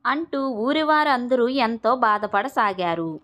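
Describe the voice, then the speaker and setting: Woman storyteller for a kids' moral tale, bright and crisp, slightly high voice. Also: lively intonation, slow pace. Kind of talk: scripted children's story narration.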